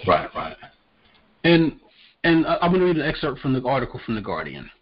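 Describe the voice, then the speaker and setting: Husky-voiced man, measured podcast talk. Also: medium pitch, sing-song. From Long Island, New York. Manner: measured and deliberate, pausing to restart thoughts. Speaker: podcast co-host. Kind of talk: casual discussion podcast, reading news excerpts. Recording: dull lo-fi podcast audio.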